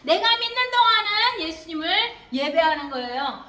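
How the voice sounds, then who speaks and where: A woman leads a children's sermon with a very high, bright voice. She keeps asking the children questions. The sound is echoey, with faint noise behind her. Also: moderate pace. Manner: animated, questioning the children, acting out little voices. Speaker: Sunday school teacher. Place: church hall.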